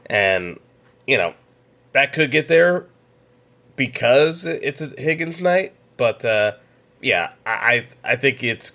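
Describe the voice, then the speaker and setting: A man with a lowish, bright, forceful voice hosts a solo sports podcast. He casually offers opinionated betting picks, full of fillers and restarts.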